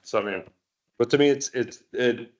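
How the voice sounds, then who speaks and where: A man's voice: mid-range voice, moderate pace, lo-fi sound. A man chairing a committee meeting who talks casually and rambles, restarting his sentences often. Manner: rambling, full of fillers and restarts.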